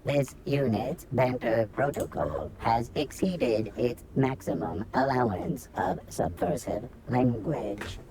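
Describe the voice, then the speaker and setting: Robotic bartender unit booting up. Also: female voice, rumbling low, takes it slowly, hardly any pauses, heavily acted. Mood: deadpan mechanical. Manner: flat, mechanical announcements like a machine booting up. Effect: robotic synthesized voice filter. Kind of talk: video game robot dialogue. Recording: game audio with crowd chatter behind.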